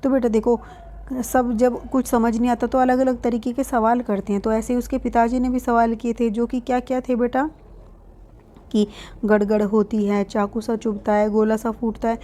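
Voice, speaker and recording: A woman's voice: a little high, level tone, moderate pace, warm tone. A woman teacher reading a lesson aloud and explaining it line by line in simple words, calling her students "beta". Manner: reads lines aloud, then explains each in simple words.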